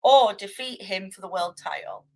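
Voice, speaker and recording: A woman's voice: medium pitch, normal speed, darkish tone, poor audio. A woman hosting an informal interview as a casual chat, with a giggly, informal manner. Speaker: interviewer, show host.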